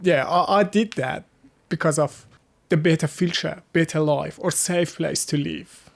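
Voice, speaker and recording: A man from Afghanistan, a guest in a casual interview, speaking halting second-language English with restarts and soft laughs. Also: fairly high pitch, vocal fry.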